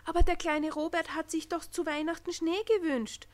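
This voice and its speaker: A woman's voice: very high-pitched, little pitch movement, normal speed, pitched above the performer's own voice. A woman voicing a thoughtful, determined Christ Child in a children's storybook. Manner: earnest, determined.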